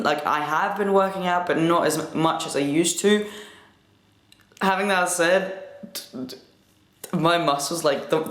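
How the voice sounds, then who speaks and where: A man's voice: a little high, a bit bright. Guy vlogging in an echoey room, chatty and upbeat, voice cracks sometimes, swears casually. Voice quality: voice cracks now and then. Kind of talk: casual chat to camera.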